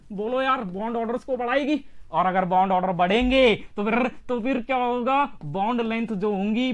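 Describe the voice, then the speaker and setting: High-voiced guy teaching chem online, keeps repeating stuff and pushing students, kinda muffled lo-fi sound. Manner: energetic, repeats phrases, keeps prodding students. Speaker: chemistry teacher. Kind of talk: online exam-prep lecture. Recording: slightly dull lo-fi recording.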